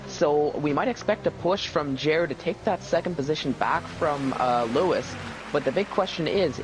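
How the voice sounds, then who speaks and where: A man with a slightly high voice gives live motorsport commentary as the second voice in the booth. He analyses the race in a hesitant, conversational way, with music clearly playing behind him. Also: rough recording. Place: esports race broadcast commentary.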